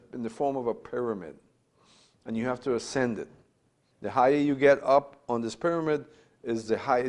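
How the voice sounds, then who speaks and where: Teaching a Bible class, this man in his fifties speaks in a mid-range voice, emphatic and repetitive, with plenty of rhetorical questions. The recording comes from across a small room.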